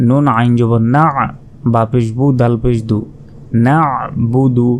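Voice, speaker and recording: A man teaching recitation, spelling out each syllable slowly and then reciting with long drawn-out vowels. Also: medium pitch, fairly even intonation, a little mellow, a little hiss or hum. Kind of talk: slow spelled-out pronunciation lesson.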